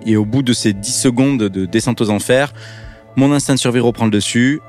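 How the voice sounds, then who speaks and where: Homme qui raconte avec entrain. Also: male voice, mid-range voice, fairly quick, soft background music. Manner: lively, dramatic, casual slang. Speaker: podcast guest telling his story. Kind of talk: personal storytelling.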